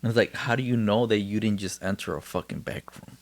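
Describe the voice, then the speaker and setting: A man's voice: fairly low pitch, steady tone, fairly quick. A man hosting a casual, laid-back podcast, chatting and joking with a friend and swearing freely. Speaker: podcast host. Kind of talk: casual chat.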